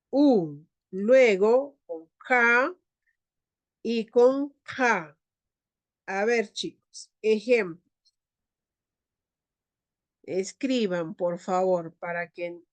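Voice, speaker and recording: A woman teaching an online class, leading slow pronunciation drills and calling on students. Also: medium pitch. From Peru. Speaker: Quechua teacher.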